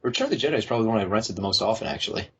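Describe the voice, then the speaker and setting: A young man hosts a casual podcast, joking as he rambles through childhood stories. His voice is low and a little husky. The recording sounds dull and lo-fi. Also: animated, very fast, fairly bright tone. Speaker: podcast host.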